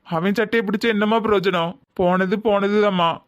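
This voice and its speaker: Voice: medium pitch, steady tone, fairly quick, lightly acted. An actor voicing a drunk middle-aged husband in a comedy cartoon, with a Tirunelveli Tamil accent, talking in a slurred, mournful way. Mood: glum. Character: drunk middle-aged husband who lost family gold.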